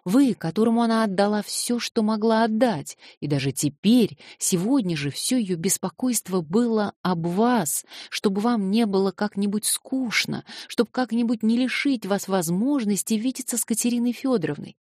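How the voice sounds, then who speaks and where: A woman's voice: mid-range voice, expressive, moderate pace, hardly any pauses, a little mellow, no echo, studio quality, voice pushed up, lightly acted. A woman reading the lines of an earnest man who reproaches a younger one, in an audiobook. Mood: reproachful. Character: adult man, earnest first-person narrator, reproachful.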